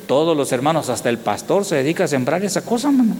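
A man from Oaxaca with a Mexican Spanish accent, preaching a sermon with storytelling that swells into loud, indignant exclamations. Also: a little high, big pitch swings, quick pace. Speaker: pastor. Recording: long hall reverb, faint noise.

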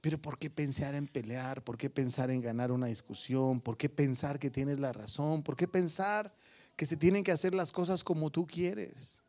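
A man's voice: a little high, fairly even intonation, normal speed, darkish tone. A middle-aged man with a Mexican accent preaching a sermon to his church, firing questions at the congregation and teasing listeners by name. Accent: Mexican Spanish. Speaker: pastor.

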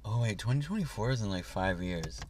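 Chatting casually from a parked car, a young man co-hosts a podcast, rambling with plenty of fillers. His voice is fairly low, expressive and brisk.

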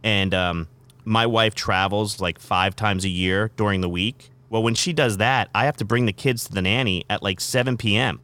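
A man's voice: fairly low pitch, fairly even intonation, moderate pace, bright, forceful tone, clean tone. A man who hosts morning radio, chatting casually in an interview, rambling with lots of fillers and restarts.

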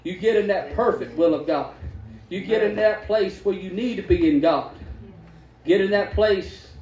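During a service in a church hall, a high-pitched, darkish-toned man delivers a fervent Pentecostal sermon at normal speed. He exhorts emphatically and repeats phrases while the congregation calls out responses. The sound is lo-fi, in an echoey hall.

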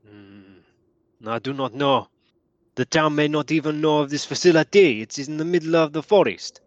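A man voicing a gruff soldier, grumbling and ending his questions with "no?". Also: on the high side, moderate pace, no echo, highs cut off, lightly acted.

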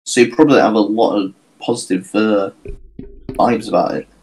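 A man's voice: lowish voice, normal speed, darkish tone, a little hiss or hum, rough recording. Laid-back teasing man co-hosting. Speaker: podcast co-host. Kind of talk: casual film review chat.

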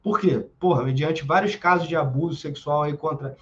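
A man with a Brazilian accent teaching self-defense in a casual, emphatic way, full of slang and quick "right?" checks. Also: on the high side, highs cut off, slight background noise. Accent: Brazilian Portuguese. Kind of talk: informal spoken lesson.

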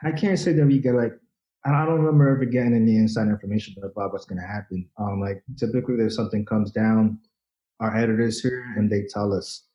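A man in his forties from the Dominican Republic talks shop as a guest on a podcast. His voice sits low and mellow, and he speaks loosely, full of fillers, restarts and the odd curse. The recording sounds a little dull and lo-fi. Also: steady tone, fast. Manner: loose and casual, many fillers and restarts, swears freely. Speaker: photojournalist guest. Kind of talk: casual interview chat.

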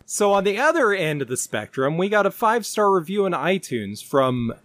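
A man's voice: high-pitched, sing-song, normal speed, fairly bright tone, dry recording. A man hosting a podcast in casual chat, laughing often and poking fun at himself. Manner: laughs often, self-deprecating. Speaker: podcast host.

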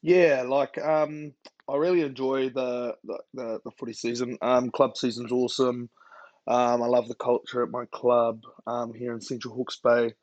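A man's voice: medium pitch, flat delivery, moderate pace, a little mellow, dry recording, muffled recording. A young man with a broad New Zealand accent chatting casually as an interview guest, laid-back and slangy. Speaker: rugby player guest.

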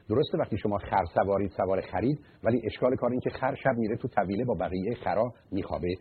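A man's voice: fairly low pitch, slight background noise. A man, a psychologist, giving blunt, mocking marriage advice in a radio talk. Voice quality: husky. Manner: blunt, mocking, rises to loud emphatic outbursts. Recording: muffled phone-like radio line.

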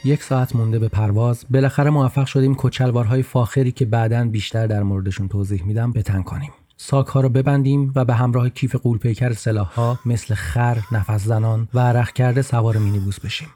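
A man's voice: medium pitch, fairly even intonation, few pauses, mellow, soft background music. A man narrating a personal story in a podcast with a wry, humorous touch.

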